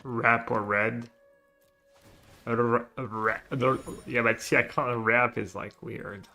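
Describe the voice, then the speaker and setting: A man's voice: medium pitch, fairly even intonation, slow, vocal fry, pushed and bright, faint music behind. A man streaming a card game, chatting casually with viewers and thinking aloud in short, trailing phrases. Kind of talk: casual gameplay chat to a live chat.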